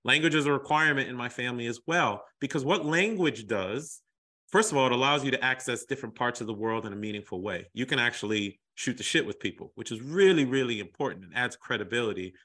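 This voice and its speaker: An American man speaks fast in a mid-range voice as a guest in a podcast interview. He's energetic and emphatic, and he calls people brother.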